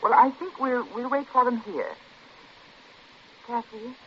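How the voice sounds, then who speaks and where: A woman playing a gentle, evasive nanny in a 1950s radio drama, tender, coaxing and a little hesitant. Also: a little high, a little slow, close to an everyday voice. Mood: uneasy stalling. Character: gentle, evasive nanny soothing a small child. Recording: dull, noisy old radio recording.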